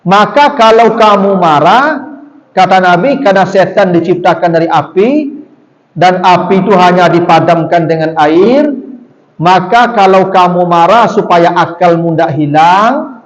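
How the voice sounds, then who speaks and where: A male Islamic preacher, giving a lively, rhetorical sermon that speaks directly to the congregation. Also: high-pitched, measured pace. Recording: dull, long-reverb hall sound.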